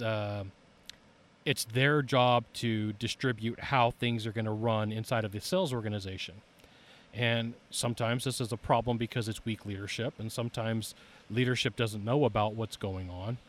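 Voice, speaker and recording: A man's voice: mid-range voice, fairly bright tone. A man hosting a solo podcast in an informal, plain-spoken way, talking straight to listeners while seated at a microphone outdoors on a beach by the ocean. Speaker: podcast host. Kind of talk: conversational solo podcast monologue.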